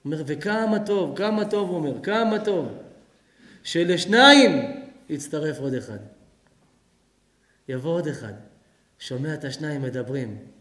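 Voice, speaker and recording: A rabbi giving a lively sermon, often acting out both sides of imagined conversations. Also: male voice, fairly high pitch, pauses often. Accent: Israeli Hebrew. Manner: animated preaching, acting out both sides of dialogues. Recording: echoey hall.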